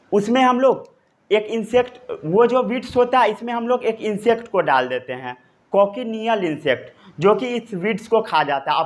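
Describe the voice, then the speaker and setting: A man teaches a science class in Hindi. He says the key terms slowly and repeats them, as if dictating notes. He checks often that his students are following. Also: sits high. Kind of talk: classroom lecture.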